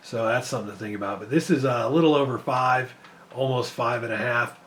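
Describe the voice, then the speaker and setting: A man's voice: mid-range voice, fairly quick, fairly bright tone. A man losing his voice, giving casual rambling commentary while he benchmarks PC games. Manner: rambling, thinking aloud with fillers. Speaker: PC gaming benchmark creator.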